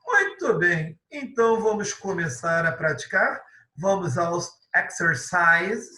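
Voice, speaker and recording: A man's voice: high-pitched, sing-song, slow, bright, forceful tone, reverberant, low-quality recording. A Brazilian man teaching English vocabulary, who repeats each word and then translates it into Portuguese. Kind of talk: language lesson for Portuguese speakers.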